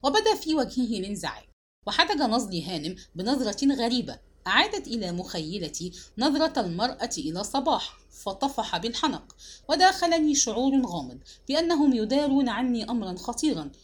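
A woman reading a dramatic novel aloud with an emotional, expressive delivery. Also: a little high, a little fast, slightly rough. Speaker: audiobook reader.

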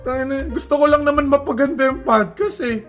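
A man's voice: very high voice, steady tone, fairly quick, a bit bright, faint music behind. A young man co-hosting a podcast, bantering playfully, teasing his friends and laughing often. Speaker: podcast co-host.

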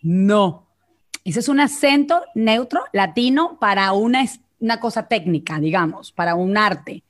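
With a medium pitch and lively intonation, this woman speaks a little slowly. She's a vocal coach with a Venezuelan accent, explaining technique in a relaxed live chat and frequently checking in with "ok?".

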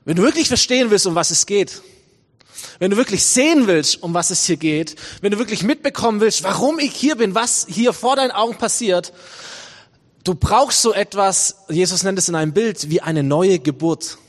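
A calm but confrontational teacher presses his point, repeating key words slowly, as a preacher quotes him. The high voice carries a long church echo. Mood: insistent. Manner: insistent, slow emphatic repetition.

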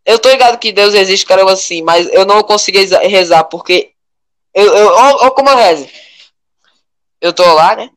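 A young man with a Brazilian Portuguese accent, chatting casually in a rambling, animated way full of slang. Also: sits high, moderate pace, no echo.

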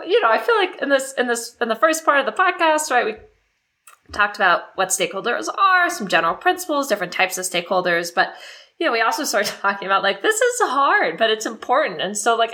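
A woman co-hosting a podcast in casual chat, lively and quick to laugh. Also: fairly high pitch. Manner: lively, chatty, laughs often. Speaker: podcast co-host.

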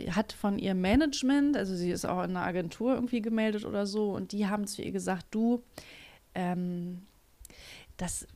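Young woman chatting on a podcast, opinionated, keeps restarting sentences. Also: mid-range voice. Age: young adult. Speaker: podcast co-host. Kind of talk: casual chat.

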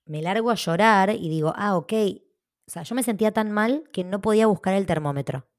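A woman's voice: medium pitch, fairly quick, dry recording, studio quality. A woman with an Argentine accent, a podcast co-host telling a personal story in casual, frank talk, swearing now and then. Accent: Argentine Spanish.

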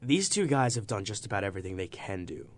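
A man's voice: fairly low pitch, sing-song, fast talker. A man hosting a podcast with casual, enthusiastic and emphatic sports talk. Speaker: podcast host.

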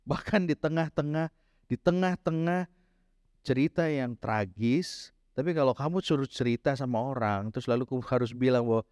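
A man preaching a sermon as pastor, mixing Indonesian and English, telling a story and slowing down to stress key points. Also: medium pitch, darkish tone, no echo, clean studio sound. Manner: switches between Indonesian and English mid-sentence; slows down for emphasis, storytelling delivery.

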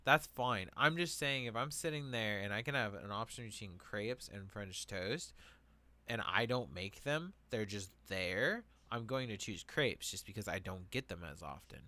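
A man's voice: lowish voice, expressive, moderate pace, bright, forceful tone. A man co-hosting a podcast, chatting casually and griping emphatically about food. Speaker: podcast co-host. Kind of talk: casual chat.

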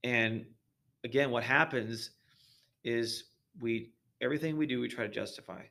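A man's voice: mid-range voice, moderate pace, gravelly, pushed and bright. A man guesting on a podcast, talking earnestly about faith in a preachy way with many restarts.

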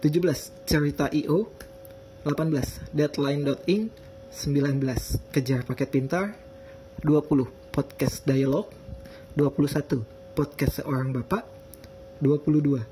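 A man's voice: on the high side, warm tone, a little hiss or hum, low-quality recording. A man hosting a casual solo podcast, informal and hesitant, with a speech impediment that blurs his R sounds. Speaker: podcast host.

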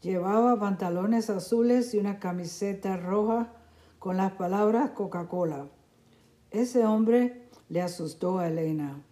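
A woman narrating a story slowly in a measured, clear reading. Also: medium pitch, warm tone. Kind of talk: slow storybook narration for learners.

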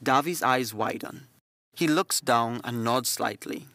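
A man reading a scripted story in a steady, descriptive narrating manner. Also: medium pitch, unhurried, dry recording, clean studio sound.

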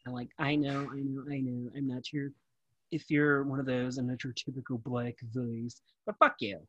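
A man's voice: mid-range voice, little pitch movement, moderate pace, no room sound, muffled recording. A man hosting a podcast in casual, informal, self-deprecating chat, with some swearing. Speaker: podcast host.

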